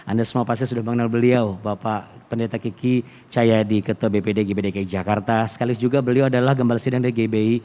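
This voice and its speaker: In a reverberant hall, a man hosts a theology talk show with his voice slightly muffled by a face mask. He speaks at a middle pitch, politely and wordily, often repeating phrases for emphasis. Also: a little mellow. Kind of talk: conversational hosting of a theology talk.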